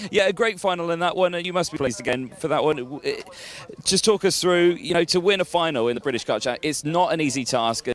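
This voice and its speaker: Chatty jokey guy doing pit lane interviews, voice a bit high. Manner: chatty, jokey, repeats catchphrase. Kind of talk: post-race interviews.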